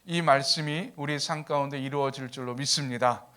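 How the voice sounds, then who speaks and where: A man's voice: medium pitch, steady tone, brisk, bright, forceful tone, clean tone. A male pastor preaching a sermon in a conversational storytelling way, acting out the quotes in his story. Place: church, Friday evening service.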